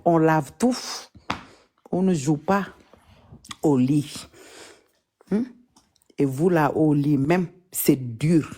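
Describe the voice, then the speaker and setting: A woman from Senegal with a Senegalese French accent, hosting a casual live chat in a teasing, mocking way with lots of drawn-out repetition. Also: low-pitched, dark tone. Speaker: live stream host.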